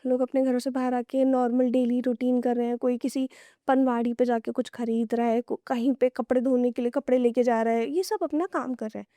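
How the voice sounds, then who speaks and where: A young woman with a high voice tells horror tales as a podcast guest, speaking briskly in a steady, warm tone with no room sound. It's conversational storytelling, casual and drawing the listener into hypotheticals.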